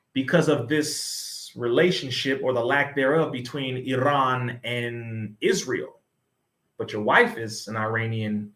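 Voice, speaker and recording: A man's voice: medium pitch, fairly bright tone. Impassioned young man preaching in an echoey room. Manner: impassioned, preachy, addresses listeners as y'all. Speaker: commentator. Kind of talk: reaction commentary on a video.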